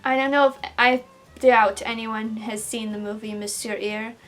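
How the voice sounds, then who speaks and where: A woman's voice: fairly high pitch, steady tone, normal speed, a bit bright, soft background music. A young adult woman with a sore throat, casually recounting dreams in a loose, self-interrupting way as a vlogger. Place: small room at home, indoors.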